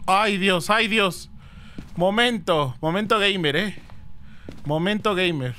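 A man's voice: high voice, slow, sharp tone, slight background noise. A man streaming a ghost-hunting game, chatting with viewers and thanking them, with dramatic exclamations. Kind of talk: live game stream with chat.

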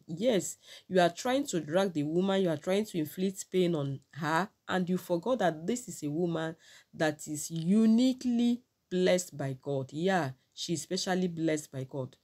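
A middle-aged Nigerian-accented woman with a deep, darkish voice vlogs from a small indoor room with curtains. She speaks straight to her viewers with opinionated commentary, admonishing them and quoting proverbs.

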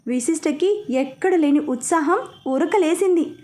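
A woman narrating a serialized audio story with an expressive reading. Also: high-pitched, unhurried.

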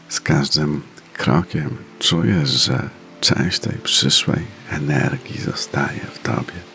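A man leads a guided meditation in an extremely deep voice with a creaky, gravelly edge. His delivery is soft and soothing, moving slowly with pauses between phrases. Faint music plays behind him. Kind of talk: slow guided meditation narration.

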